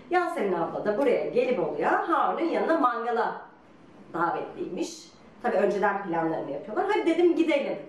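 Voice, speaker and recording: A woman with a slightly high voice that swings widely as she talks. She tells her story in a casual, teasing way and laughs often. She is heard from a distance in a very echoey room with a faint hum behind her. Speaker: guest telling her couple's story. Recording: roomy echo from a distance.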